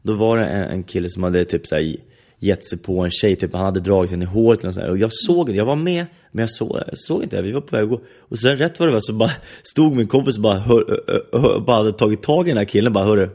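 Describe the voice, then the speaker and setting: Low gravelly man telling stories. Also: darkish tone. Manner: rambling, many restarts and filler phrases. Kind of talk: casual storytelling chat.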